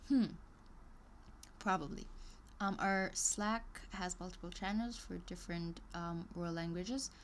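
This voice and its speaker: At a measured pace, a woman with a lowish voice reads an online course aloud on a live stream, over a little hiss or hum. Hesitant, with many ums and restarts, she interrupts herself with chatty asides and small laughs in a casual commentary style.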